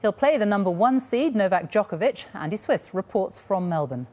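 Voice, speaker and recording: A woman's voice: mid-range voice, expressive, normal speed, a little mellow. A British woman presenting studio news from a script.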